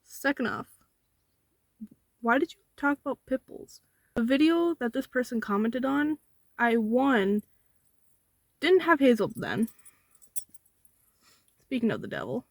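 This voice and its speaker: A woman's voice: on the high side, sing-song, a little slow, long pauses, dry recording. Indignant young woman, dry close sound. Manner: indignant, argumentative, counts off points. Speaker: vlogger with a service dog. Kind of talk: casual commentary replying to online comments.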